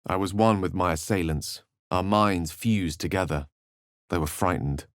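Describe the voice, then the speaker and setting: In studio-quality audio with no echo, a man with a low-sitting, natural voice at normal speed performs video game voice lines and narration. He plays an eloquent, witty, refined human male wizard, speaking in an articulate, theatrical, wry way with a mood of grave storytelling.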